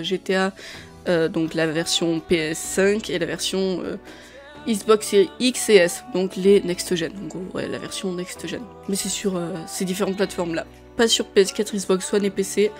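Chatty woman with faint music behind. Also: mid-range voice. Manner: chatty, lists items with many fillers. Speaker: gaming video creator. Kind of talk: casual gaming news rundown.

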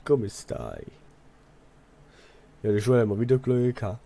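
With big pitch swings in a creaky, warm, mid-range voice at normal speed, a young Swiss let's player and apprentice builder chats casually over a game. His Swiss German-accented stories ramble and repeat, and there's a little hiss or hum.

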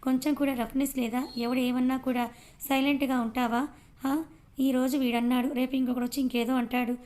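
A woman's voice: high voice, flat delivery, fairly quick, darkish tone, close to an everyday voice. A woman voicing an angry, domineering young husband and boss who scolds harshly, in a storybook reading. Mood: scolding.

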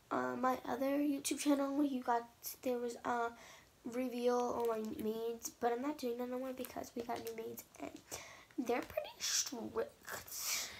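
A woman's voice: high voice, creaky, darkish tone, a little hiss or hum. A young woman vlogging casually on a phone at home, boastful and rambling with sass. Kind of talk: casual vlog chat.

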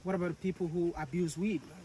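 A man hosting a casual vlog interview outdoors on a farm, asking excited, curious questions. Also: sits high, quick pace, slight background noise. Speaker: vlogger host.

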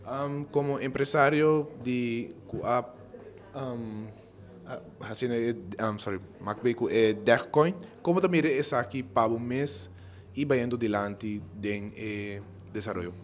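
A man's voice: mid-range voice, a little slow. A male reporter asking interview questions off camera, hesitant and stumbling over words.

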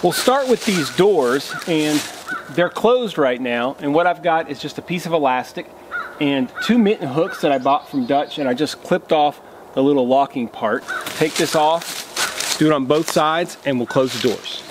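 A man's voice: a little high, moderate pace, background noise. A man in his thirties casually explaining and demonstrating hammock camping gear outdoors in a forest, recorded on a camera mic. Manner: relaxed, hands-on explaining while demonstrating gear.

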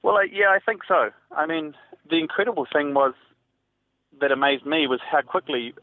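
Speaking expressively in a fairly high voice, a newspaper reporter gives a hesitant, halting eyewitness account in a telephone interview. There's no room sound, just the tinny, narrow quality of the phone line.

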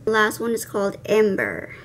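Very animated and moderately paced, a young adult woman with a mid-range voice runs a casual makeup tutorial. Her r's soften into w's, and her asides are playful, slangy and self-deprecating. The low-quality recording has some hiss or hum, made indoors with her seated before a cloth backdrop.

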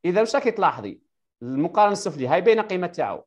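Rapid Algerian teacher quizzing a student. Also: male voice, sits high, sing-song. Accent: Algerian Arabic. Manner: quizzes the student with rapid-fire questions and confirms her answers. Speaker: electrical engineering teacher. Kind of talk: live online tutoring lesson. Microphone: video call.

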